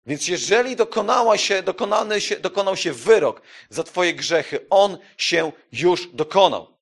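Animated man preaching a sermon. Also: sits high, a little slow. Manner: animated, swings from quiet asides to loud emphatic declarations; conversational, asks the listeners questions.

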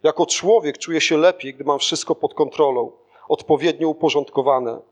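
At a moderate pace, an audiobook narrator steadily and earnestly reads his own spiritual testimony in the first person. The text is scripted, and his voice is somewhat higher than most men's.

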